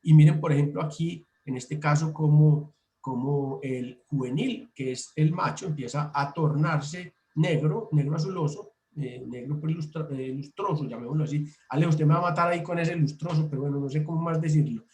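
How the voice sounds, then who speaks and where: A man from Colombia leads an online slide talk, walking through his points patiently and circling back with restarts. His voice sits a bit high for a man. The room around him rings with echo. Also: normal speed, few pauses, a little mellow. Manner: explanatory, repeats himself, hesitant restarts. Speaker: birding workshop presenter. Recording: roomy echo.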